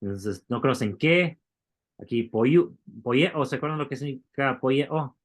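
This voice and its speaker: A man's voice: mid-range voice, expressive, a little slow. A man teaching a Bible Greek class, explaining step by step and asking the students questions. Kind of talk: classroom lecture.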